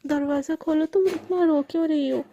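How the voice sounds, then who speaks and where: A woman's voice: high-pitched, steady tone, normal speed, gravelly, dark tone, highs cut off, slight background noise. A woman voicing an anxious middle-aged mother who stammers as she frets over her daughter. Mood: worried. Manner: stammering, fretful.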